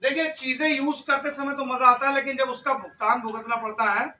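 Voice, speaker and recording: A man teaching an English class, explaining phrases and having students repeat them aloud, telling them to speak louder. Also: extremely high pitch, fairly even intonation, fairly quick, a little hiss or hum. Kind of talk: classroom lesson, call-and-repeat drills. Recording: echoey room, recorded from a distance, dull lo-fi sound.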